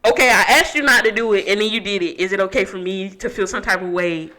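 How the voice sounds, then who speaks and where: A young American woman with a bright, forceful voice of medium pitch debates casually as a podcast co-host. She is slangy and argumentative, pressing one hypothetical question after another and swearing as she goes. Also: quick pace.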